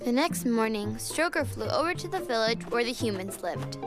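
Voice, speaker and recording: A woman playing a girl who reads a storybook aloud to young children in an expressive way, as in a cartoon. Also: a little high, normal speed, close to an everyday voice. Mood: storytelling. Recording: music behind the voice.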